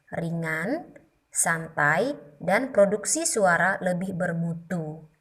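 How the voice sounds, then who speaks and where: A woman's voice: mid-range voice, a bit bright. A woman teaching a music class, explaining terms step by step and now and then singing a short phrase to show them. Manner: explains slowly, sings short demo phrases. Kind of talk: slow explanatory class lesson.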